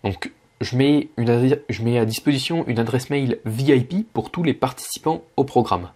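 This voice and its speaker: A young man who teaches Russian walks through the steps of his online course. He talks casually, with many fillers and restarts, at a medium pitch. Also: normal speed, darkish tone.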